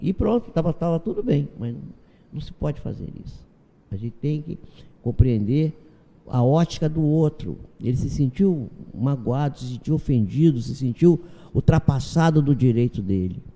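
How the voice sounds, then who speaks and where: Gravelly dark-voiced Brazilian man. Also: medium pitch, expressive, moderate pace. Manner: storytelling, acts out dialogue from anecdotes. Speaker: interview guest, doctor. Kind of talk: calm spiritual interview talk. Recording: long reverb on the voice.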